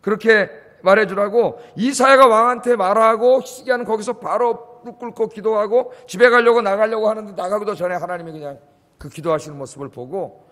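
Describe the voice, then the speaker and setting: High-voiced pastor preaching in a reverberant church. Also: male voice, a little fast, fairly bright tone. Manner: emphatic, rhetorical questions to the congregation. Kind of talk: sermon. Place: church sanctuary.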